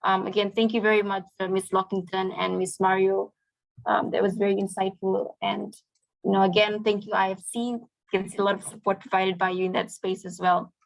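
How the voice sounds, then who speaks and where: A woman moderates an online panel. Her pitch sits in a middle range and moves little. She speaks politely and with measured formality as she recaps and hands over. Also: flat delivery, vocal fry, low-quality recording. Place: online video call.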